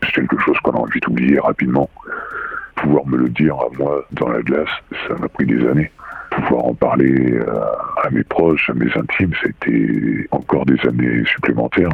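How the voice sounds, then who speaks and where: A man giving a halting testimony, his voice disguised with a voice changer. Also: creaky, husky, no echo. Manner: slow, halting testimony with pauses. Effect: voice changer, pitched very low. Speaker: interviewed witness. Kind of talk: radio interview testimony. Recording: phone-like narrow band, dry.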